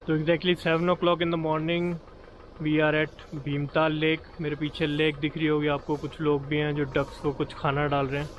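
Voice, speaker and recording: A chatty man in his thirties narrates his road trip to a camera held at arm's length, his voice a bit high and fairly flat in tone. The easygoing talk carries clear traffic and road noise behind it, from car rides and roadside stops. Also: unhurried, low-quality recording. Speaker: travel vlogger. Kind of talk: casual travel vlog talk to camera. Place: roadside, car interior and lakeside outdoors. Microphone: handheld camera at arm's length.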